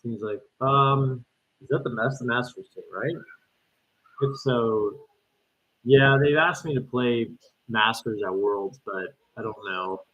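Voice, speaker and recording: A man, casually reacting live to a game and chatting with viewers, bursting into loud exclamations. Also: medium pitch, slow pace. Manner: excitable, exclaims loudly at plays then chats calmly with viewers. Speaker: livestream host reacting to an ultimate frisbee game. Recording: dull lo-fi stream audio.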